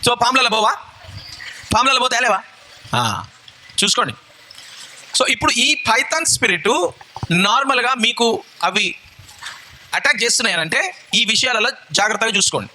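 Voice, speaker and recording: A man's voice: extremely high pitch, sing-song, moderate pace, long pauses, pushed and bright, a little hiss or hum. A male bishop, preaching a sermon with a live demonstration, throwing questions at the congregation and coaxing helpers step by step. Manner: fires rhetorical questions at the congregation.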